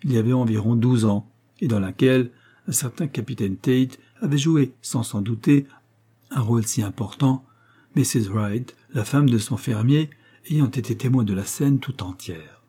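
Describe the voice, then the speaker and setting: A man narrating a classic novel as an audiobook reader, with a steady, even delivery. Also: mid-range voice, moderate pace, husky.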